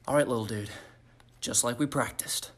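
A man switching impression voices, playing a dim, excitable young boyfriend who talks in slangy bro style in a comedy sketch. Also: mid-range voice, moderate pace, pitched below the performer's own voice, close to an everyday voice. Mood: excited.

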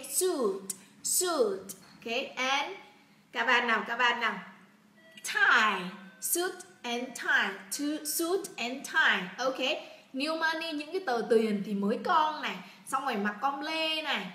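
A woman's voice: fairly high pitch, fairly bright tone, roomy sound. A woman from Vietnam teaching an English pronunciation lesson, repeating words and prompting her learners to say them aloud.

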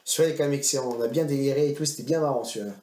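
A man's voice: medium pitch, very fast, a little mellow. A man chatting casually and rambling in slang as he reviews games he has collected. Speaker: retro game collector vlogger. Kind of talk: casual chat. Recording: echoey room.

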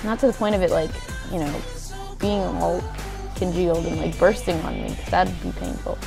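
A woman's voice: on the low side, moderate pace, gravelly, music in the background. A woman in her twenties, hungover and tired, chatting casually and listlessly as she hosts a reaction video. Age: 20s. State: hungover, exhausted, with a headache. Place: small indoor room at home.

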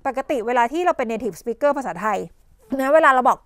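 Woman tutor, raised pitch, dry close studio sound, chatty explaining with frequent coughs. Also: expressive, moderate pace, a bit bright, dry recording. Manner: explains idioms with many "นะคะ" fillers and rhetorical questions; coughs and clears her throat often. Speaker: English teacher. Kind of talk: televised tutoring lesson.

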